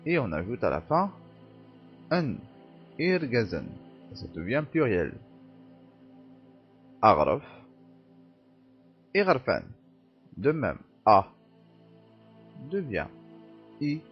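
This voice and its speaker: A man giving a grammar lesson, slowly dictating example words one by one in a halting teaching manner. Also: medium pitch, muffled recording. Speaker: language teacher.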